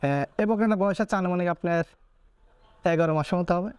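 A man's voice: high voice, a little mellow, clean tone, dry recording. A man who runs a dairy farm, talking casually about his cattle on site and often checking with "okay?". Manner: quick, repeats "ji, ji" and "thik ache?". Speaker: dairy farmer.

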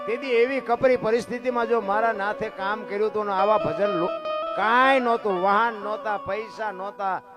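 Male folk preacher, high voice, guitar playing behind. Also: moderate pace. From Surendranagar, Gujarat. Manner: preachy, lively folk storyteller. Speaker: folk literature speaker. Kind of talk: dayro storytelling talk.

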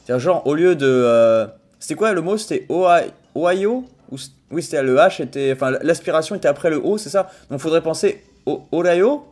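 Playful high-voiced male streamer. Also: fairly quick, hardly any pauses, darkish tone. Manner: playful, jokey, swears freely; theatrical outbursts and mock lamenting. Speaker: streamer host. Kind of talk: casual livestream chat.

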